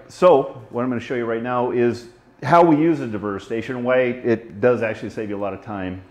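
A man in his forties demonstrating brewery equipment in an easygoing, slightly fumbling, self-deprecating way. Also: medium pitch. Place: brewery floor among steel tanks, indoors. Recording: slightly dull, muffled sound.

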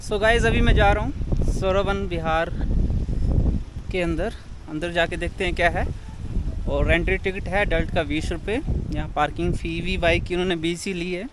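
A man in his thirties with a high, bright voice narrates a casual motorcycle vlog, chatty and excited as he speaks to his viewers. He is recorded outdoors on an action camera mic. Road and wind noise stay clearly audible behind him. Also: normal speed. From India. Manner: chatty and excited, talking to viewers while riding. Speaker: motorcycle vlogger. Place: outdoors on a mountain road and in a park. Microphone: helmet or action camera mic.

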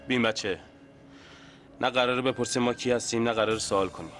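A man playing a calm, menacing gangster boss. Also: medium pitch, soft background music, close to an everyday voice. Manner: cold, threatening, calm.

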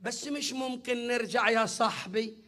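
Fervent high-voiced Egyptian preacher. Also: male voice, moderate pace. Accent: Egyptian Arabic. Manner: emphatic, often shouting, addressing viewers directly. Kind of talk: sermon.

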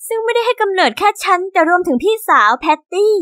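A young woman narrating an animated story in a chatty, exasperated teen manner. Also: very high voice, fast talker, no echo.

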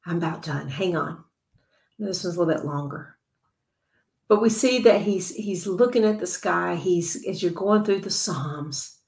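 A woman giving a devotional Bible teaching to other women, earnest and conversational, sometimes dropping to a soft whisper. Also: lowish voice, measured pace, creaky, roomy sound.

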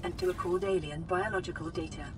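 An actor voicing a calm, clinical computer assistant in a game, giving measured announcements like an impersonal care robot. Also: mid-range voice, background noise, natural voice. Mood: clinical, informative. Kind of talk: scripted game system announcements.

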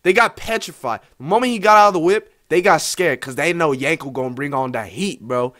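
A young American man hosting a reaction video, excitedly exclaiming and breaking down what he hears. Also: on the high side, a little fast. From United States. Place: small indoor room at a desk. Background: faint music from the video he plays.

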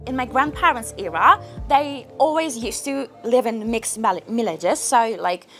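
A woman in her twenties from North Cyprus, a medical student, giving relaxed, chatty interview answers. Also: fairly high pitch, a little slow, soft background music. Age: 20s.

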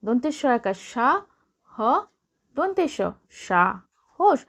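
Woman spelling slowly for children. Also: a little high, big pitch swings. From Bengal. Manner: slow, drawn-out letter-by-letter spelling with encouraging asides. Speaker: teacher.

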